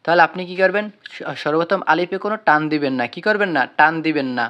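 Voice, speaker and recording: A Quran reading teacher giving an online lesson, stretching out letter names loudly and quizzing the listener with repeated questions. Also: mid-range voice. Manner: drawn-out, sung-out letter names in call-and-response drills. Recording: slightly dull, lo-fi audio.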